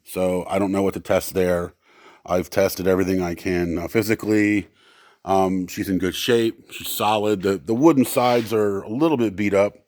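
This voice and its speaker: A man with a fairly low, darkish, steady voice casually shows off used equipment he's selling, speaking without a script. He thinks out loud, frequently pausing and sounding unsure partway through sentences. The recording is very dry, with no room echo at all.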